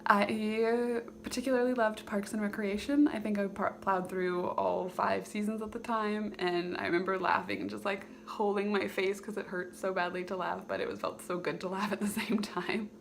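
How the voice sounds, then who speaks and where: Woman vlogger chatting advice, bit of vocal fry, hesitant thinking out loud, faint noise behind her. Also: mid-range voice, steady tone, moderate pace, few pauses. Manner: hesitant, thinking aloud, hedging. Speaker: video host sharing personal advice. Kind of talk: informal advice vlog to camera.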